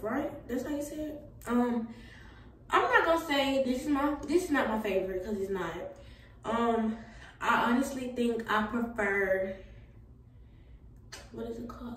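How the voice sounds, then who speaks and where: A woman's voice: fairly high pitch, echoey room, recorded from a distance, slight background noise, poor audio. A young woman vlogging at home in a casual, chatty way, tired and a little out of breath. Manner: laid-back, chatty, Southern US slang. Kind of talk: casual chat to camera.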